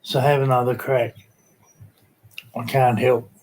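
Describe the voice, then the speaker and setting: Slow, even-toned Tasmanian man chatting casually. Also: medium pitch, slight background noise, poor audio. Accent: Tasmanian Australian. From Tasmania, Australia. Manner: laid-back, colloquial, hesitant with frequent ums. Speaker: livestream host. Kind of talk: casual live chat, greeting viewers.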